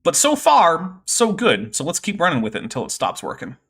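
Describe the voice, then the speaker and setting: A man's voice: a little high, huge pitch swings, a little fast, fairly bright tone, husky. A man giving casual, sardonic commentary while reacting to a debate clip on his stream, rambling with fillers.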